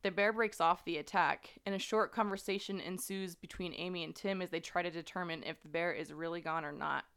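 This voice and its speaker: Woman podcast host, lowish clear voice, chatty true-crime retelling. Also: steady tone, a little fast, hardly any pauses, a bit bright. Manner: conversational, many fillers, earnest. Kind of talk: casual true-crime storytelling.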